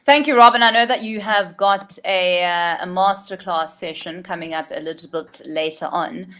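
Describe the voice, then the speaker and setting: A woman's voice: fairly low pitch, moderate pace, bright, forceful tone. Upbeat woman moderating a panel. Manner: upbeat, chatty introductions with light laughs.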